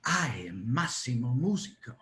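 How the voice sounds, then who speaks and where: A man's voice: very animated, normal speed, pushed and bright. A man putting on a cheery Italian shopkeeper. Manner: high, exclaiming, thick-accented. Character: friendly Italian pipe shop owner, man.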